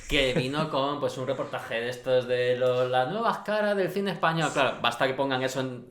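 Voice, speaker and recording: A man, a podcast guest chatting in a relaxed way with frequent short agreeing sounds. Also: mid-range voice, moderate pace. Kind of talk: casual chat. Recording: roomy echo, faint noise.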